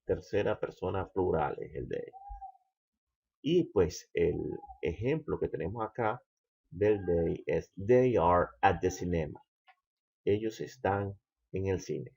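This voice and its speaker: A man teaching English grammar, slow and patient, checking in with the listener again and again. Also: deep voice, gravelly, mellow, slightly rough, highs cut off. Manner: slow, patient, repeats "¿ok?" often. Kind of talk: explaining grammar.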